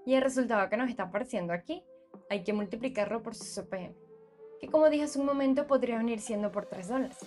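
A woman's voice: a little high, fast, faint music behind. Woman narrating a step-by-step screen tutorial. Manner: steady, explanatory, walks through numbers step by step. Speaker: YouTube channel host.

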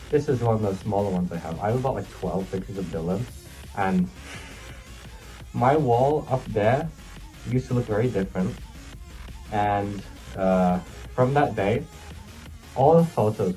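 Young guy talking from inside his costume head, rambly and goofy, mellow dark voice, faint music behind. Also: on the low side, animated, measured pace, pauses often, low-quality recording. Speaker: vlogger in fursuit. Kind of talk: casual vlog chat. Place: bedroom indoors.

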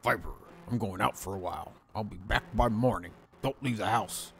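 A man putting on a stern deep-voiced uncle. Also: normal speed, a little hiss or hum, lightly acted. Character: gruff protective uncle, middle-aged man.

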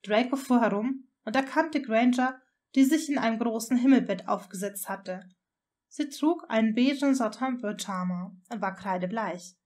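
A woman narrating a fanfiction audiobook with expressive storytelling. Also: fairly high pitch, moderate pace. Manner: expressive storytelling, voicing each figure. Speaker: audiobook reader.

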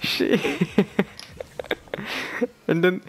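A man's voice: high voice, very slow, fairly bright tone, breathy edge. Rambling young man vlogging. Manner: rambling, many fillers and restarts, laughs often. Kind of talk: casual chat.

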